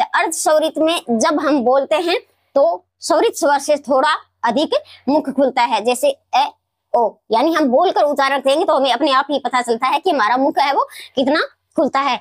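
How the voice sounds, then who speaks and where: A woman teacher explaining grammar in a classroom lesson, repeating key words slowly and answering her own questions. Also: high voice, no room sound. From Rajasthan, India. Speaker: Hindi teacher.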